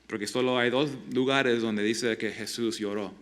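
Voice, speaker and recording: A man preaching a sermon as pastor, earnest and halting, often restarting his words and asking the listeners direct questions. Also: mid-range voice, steady tone, a bit bright. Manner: asks the congregation direct questions.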